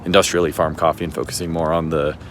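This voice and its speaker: Low-voiced man vlogging outdoors. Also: fast talker, a little hiss or hum. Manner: relaxed, chatty, says "you know" and "like" a lot. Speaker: travel vlogger. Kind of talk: casual travel vlog narration. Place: outdoors on a hilltop city viewpoint.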